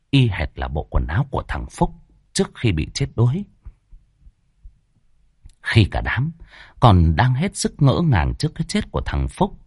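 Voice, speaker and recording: Husky male ghost-story narrator. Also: fairly low pitch, a little mellow, no echo, studio quality. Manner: dramatic, varied delivery with tense pauses.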